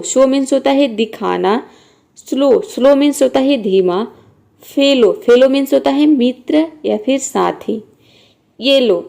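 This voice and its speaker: An English teacher patiently explains pronunciation rules aloud, working through them methodically and repeating herself. Her voice is high-pitched and dark-toned, with noticeable vocal fry.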